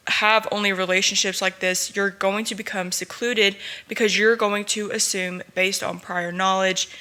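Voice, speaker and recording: Young woman podcaster, bright clear voice, earnest heartfelt talk, gets teary. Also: medium pitch. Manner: earnest, emotional, tearful at times. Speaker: podcast host. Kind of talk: personal podcast monologue.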